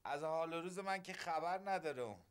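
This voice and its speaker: A man's voice: fairly high pitch, a little hiss or hum, close to an everyday voice. An actor playing a sulky middle-aged man recovering from surgery who complains about his food. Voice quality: whiny, complaining. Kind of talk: TV drama acting.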